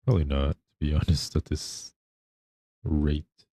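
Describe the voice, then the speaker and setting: A man's voice: very deep voice, level tone, normal speed, warm tone, husky, no room sound, studio quality. A man chatting casually on a livestream as the streamer, in a laid-back, rambling way. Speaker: live streamer.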